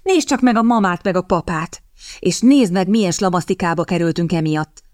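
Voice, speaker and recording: A woman's voice: fairly low pitch, a little mellow, dry recording, clean studio sound, natural voice. A woman voicing a passionate, lovestruck young younger sister who pleads and protests indignantly.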